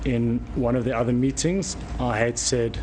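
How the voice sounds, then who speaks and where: A man's voice: mid-range voice, steady tone, moderate pace, noisy background. Man testifying formally in court. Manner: formal and polite, addressing the judge. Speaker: court witness.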